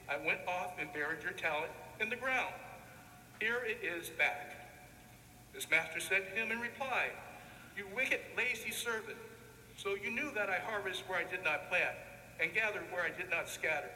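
A man reading scripture as a deacon in a solemn, measured, declamatory way, with cathedral echo around his voice. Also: high-pitched, animated, bright, forceful tone. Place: large reverberant church. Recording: echoey church, long reverb, background noise.

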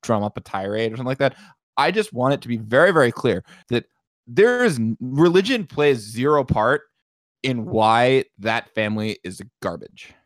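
A young podcast co-host making a point in an emphatic rant. The pitch swings widely, and the sound is dry and close. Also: lively intonation, normal speed, no echo. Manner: emphatic, ranting, repeats "like". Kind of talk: casual chat.

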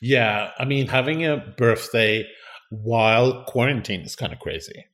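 A man's voice: medium pitch, measured pace. Fifties guy cohosting a chill podcast, big sighs and gasps, laughs a lot, regular middle voice. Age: 50s. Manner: expressive, sighing and laughing, dramatic exclamations. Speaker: podcast host. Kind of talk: casual chat.

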